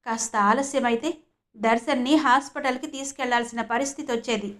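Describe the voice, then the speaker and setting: A woman's voice: a little high, fairly even intonation, brisk, a bit bright, close to an everyday voice. Woman reading as a protective, scolding mother. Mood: angry. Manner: scolding, raised voice. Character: worried protective mother, quick to anger.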